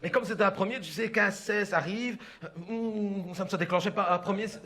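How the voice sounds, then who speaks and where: Fairly quick and forceful, this man's high, bright voice portrays a chatty Belgian French mother of middle age in a stand-up bit. She rambles, gossips and confides, leaning on "hein" and "écoute bien."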